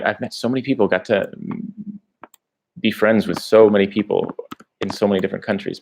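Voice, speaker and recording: Answering viewer questions during a livestream, a male travel vlogger speaks casually, rambling and pausing as he thinks things through out loud. He has a lowish voice.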